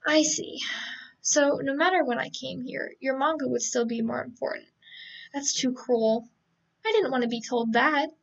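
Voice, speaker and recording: A woman's voice: sits high, moderate pace, gravelly, highs cut off. A woman reading the lines of a forgetful, earnest teenage girl from a novel, in a hesitant, flustered manner.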